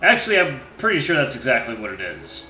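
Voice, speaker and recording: A man plays a brash young buddy in a comic story. His talk is casual and slangy, mischievous and chatty, with a bright voice in a roomy recording. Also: mid-range voice, wildly swooping pitch, fast, a little hiss or hum, exaggerated voice. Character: brash, chatty, mischievous young male friend chaperoning a date.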